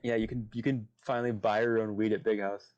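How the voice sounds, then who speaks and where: A man's voice: lowish voice, flat delivery, fast, a little mellow, dull audio. A twenty-one-year-old man chatting as a podcast guest, rambling and filling his sentences with "like". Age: 20s. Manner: rambling, heavy use of filler like. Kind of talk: casual podcast chat.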